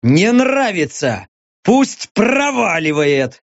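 A male audiobook narrator voicing a stubborn young man in pain, growling his lines slowly. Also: sits high, big pitch swings, no room sound, voice pushed up, full character voice. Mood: defiant. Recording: dull lo-fi dry audiobook.

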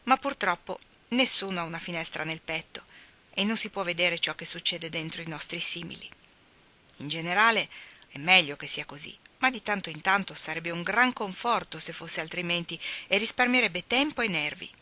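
Narrator: woman, steady audiobook reading, lower-pitched, bright. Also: moderate pace. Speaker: reader.

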